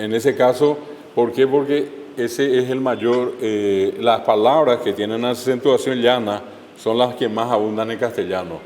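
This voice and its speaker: Man, language teacher, explanatory, repeats words slowly; recorded with some reverb and faint noise. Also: mid-range voice, a little mellow. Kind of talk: classroom lesson with recitation drills.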